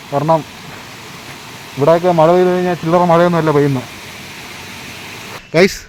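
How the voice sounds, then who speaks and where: Higher-pitched man mixing in English, outdoor noise. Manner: mixes English words into Malayalam; exclaims in slang, often asks viewers how it is. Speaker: motovlogger, host. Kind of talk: casual travel vlog chat to viewers. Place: outdoors on a hill road, by motorbike. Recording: noisy outdoor ride with vehicle noise.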